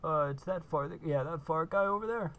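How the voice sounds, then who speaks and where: Gravelly guy talking through a game, slightly high voice, loose and casual with lots of uhs. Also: fairly quick, fairly bright tone, lo-fi sound. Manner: laid-back, lots of uh and kinda. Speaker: gaming video host. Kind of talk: casual gameplay walkthrough.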